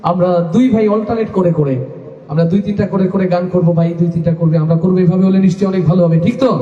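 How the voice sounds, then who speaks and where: A man's voice: high voice, dark tone. A man hosting a live Islamic stage program, rousing the audience with call-and-response and giving instructions to the sound crew over a handheld stage mic. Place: live outdoor-style stage event with audience. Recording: echoey, reverberant live PA sound.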